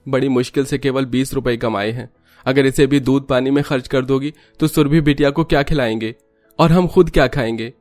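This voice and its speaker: A man's voice: a little high, moderate pace, a little mellow, no room sound, soft background music, close to an everyday voice. A man voicing a poor, weary woodcutter who is a family father and speaks in a humble, pleading tone, in storybook acting. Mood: worried.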